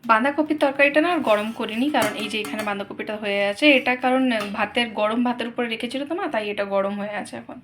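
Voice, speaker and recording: A woman's voice: on the high side, fast, a bit bright, slight background noise. Chatty Bengali woman vlogging at home. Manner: chatty, running commentary on chores. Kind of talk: casual home vlog narration. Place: home kitchen.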